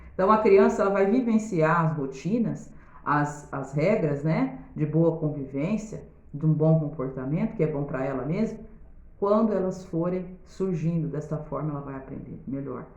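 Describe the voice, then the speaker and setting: A woman's voice: fairly low pitch, a little mellow. Woman, Brazilian accent, pedagogue, casual parenting tips, roomy echo, slightly muffled sound. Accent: Brazilian Portuguese. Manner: addresses viewers directly, often checking with "tá?". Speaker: pedagogue giving parenting advice. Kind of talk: casual advice video.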